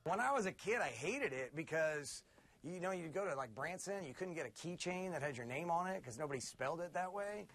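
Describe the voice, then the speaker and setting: A man in his forties from Missouri, an arena announcer and radio host, answering interview questions in a relaxed way with fillers. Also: on the high side, fairly quick.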